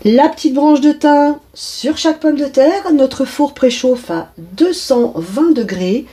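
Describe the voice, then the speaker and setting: A woman's voice: high voice, slow pace, warm tone. A woman hosting her own cooking channel, chatting directly to viewers as she walks through a recipe step by step. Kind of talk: casual recipe narration.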